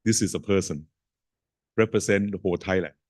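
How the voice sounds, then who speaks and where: A man runs a conference panel at a very fast clip, with a lowish voice. He stumbles through fillers and restarts, and the mic sound is dry and close. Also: fairly even intonation, darkish tone, no room sound. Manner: rapid, halting, with many fillers, switching languages. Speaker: panel moderator. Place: conference hall. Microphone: handheld microphone.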